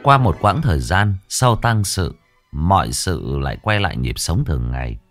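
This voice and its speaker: A man's voice: deep voice, very animated, normal speed, fairly bright tone, faint music behind. A man narrating a horror story dramatically, lingering on grim details.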